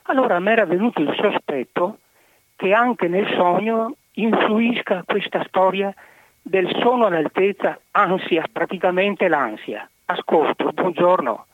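A man's voice: sits high, unhurried, dry recording. A man calling in to a radio show over the phone, putting a careful, hedged question to the guest. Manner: careful and hedging. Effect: phone line. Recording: tinny dry phone line.

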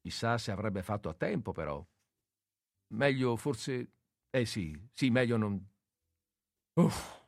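A man narrating a literary audiobook in a measured, expressive way, with pauses between phrases. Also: lowish voice, no room sound, studio quality.

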